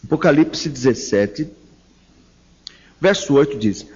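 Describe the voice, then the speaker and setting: A pastor from São Paulo, Brazil, preaches an emphatic sermon slowly and deliberately, his husky, slightly mellow voice swinging widely in pitch as he presses each point. He rises fervently and expressively on key words. The recording sounds dull and lo-fi.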